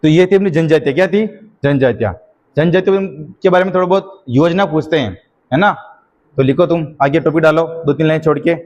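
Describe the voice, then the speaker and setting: A middle-aged man leads an exam-prep class at a fairly high pitch. He dictates slowly, says each phrase several times, and keeps checking that his students are keeping up. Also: a little mellow. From Rajasthan. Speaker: teacher.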